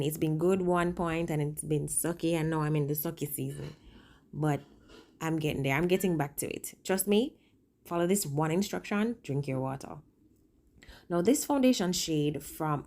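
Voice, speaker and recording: A woman with a low-pitched voice talks casually through a makeup tutorial, speaking with a swollen lip. She is chatty and informal, drifts into little asides and leans hard on her favourite words for emphasis. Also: a little mellow. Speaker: makeup vlogger and working makeup artist.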